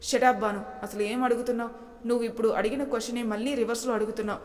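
A woman storyteller voicing a young man in love who is quick to lose his temper, in her own voice. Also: on the high side, fairly even intonation, darkish tone, long reverb tail, close to an everyday voice. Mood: irritated.

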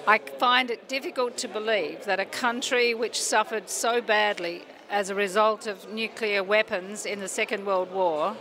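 Earnest older woman, bright voice. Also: on the high side. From Australia. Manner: earnest, measured, critical. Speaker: former party leader, ambassador. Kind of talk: short on-camera statement. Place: large indoor conference hall. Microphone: handheld mic held close.

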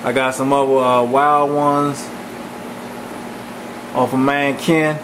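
Giving a casual tour of his home aquarium room, a fish breeder narrates slowly and relaxedly in a medium-pitched voice, rambling with plenty of fillers. Fans run in the room, and their hum comes through the camcorder audio.

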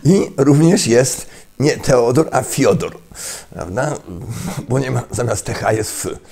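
An older man giving a lecturing monologue, halting with fillers and restarts and tossing in rhetorical questions. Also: mid-range voice, animated, creaky, dark tone. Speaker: political commentator.

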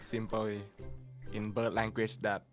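A man's voice: on the low side, level tone, faint music behind. Hesitant man with a Thai accent. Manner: hesitant, fills pauses with um, teasing. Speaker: streamer teaching Thai. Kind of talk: casual chat.

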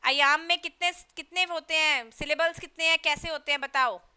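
A woman teaching an English literature class online, quizzing students and pushing them to answer quickly. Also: high-pitched, steady tone, sharp tone.

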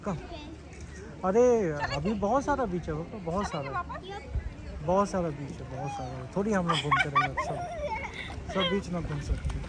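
A man chatting casually on a phone call at a beach, relaxed and repeating himself. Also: high-pitched, normal speed, long pauses. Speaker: vlogger on a family trip. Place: outdoors at a lagoon beach. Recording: loud outdoor noise.

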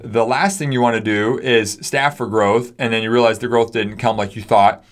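A man's voice: mid-range voice, fairly even intonation, normal speed. Man in his forties with a mid-range voice, an earnest pastor explaining on a studio podcast. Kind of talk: casual podcast discussion. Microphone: studio mic on stand.

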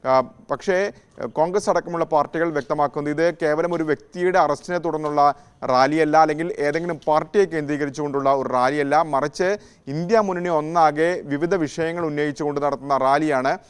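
Smooth-voiced male correspondent reporting live. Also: fairly high pitch, brisk. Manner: steady explanatory reporting with brief restarts. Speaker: news correspondent.

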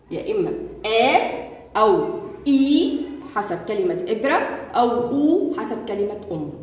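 A woman teaching a kindergarten Arabic lesson, slowly drawing out syllables as she sounds out words and addressing the children as friends. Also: a little high, a little mellow. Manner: slow, drawn-out sounding of syllables. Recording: echoey room with long reverb.

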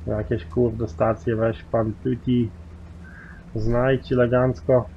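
A man's voice: medium pitch, level tone, slow pace, dull audio, a little hiss or hum. A man giving rambling, casual commentary while playing a farming game, full of mild swearing fillers. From Poland. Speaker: gaming YouTuber.

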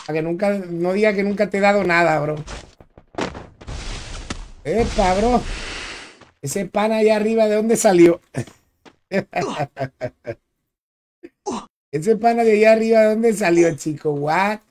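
A man's voice: sits high, slow pace, long pauses, darkish tone. Young guy streaming a game, chatty and jokey, bit of hiss behind. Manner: chatty, joking, reads and answers viewers. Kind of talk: casual live-stream chat while playing.

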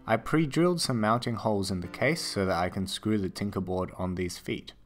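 A man with an Australian accent narrating a scripted voice-over for a build tutorial, in a steady, explanatory way. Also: on the low side, fairly quick, faint music behind. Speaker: tech video narrator.

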